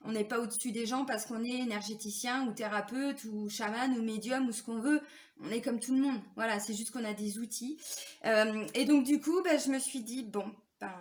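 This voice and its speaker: A woman working as a spiritual therapist, talking casually and confidingly to her viewers, full of fillers and tag questions. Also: fairly high pitch. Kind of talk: casual talk to camera viewers.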